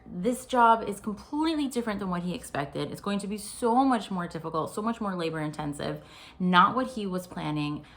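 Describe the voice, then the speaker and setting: A woman hosting a short therapy video, telling a story in a friendly, conversational way. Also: lowish voice. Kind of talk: storytelling explanation for viewers.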